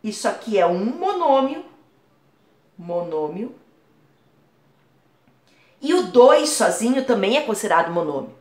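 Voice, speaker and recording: A woman's voice: medium pitch, big pitch swings, measured pace, long pauses, darkish tone. A woman math teacher explaining a lesson patiently, using everyday comparisons. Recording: echoey room.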